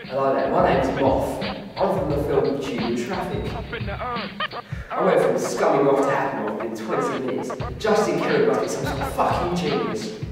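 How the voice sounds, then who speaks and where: A man's voice: a little high, animated, normal speed, over music, natural voice. A young man playing a cocky party lad in a sweary, slangy, emphatic monologue to camera in a classroom. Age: young adult. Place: indoor classroom. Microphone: camera a few metres away. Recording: echoey room, distant mic, faint noise.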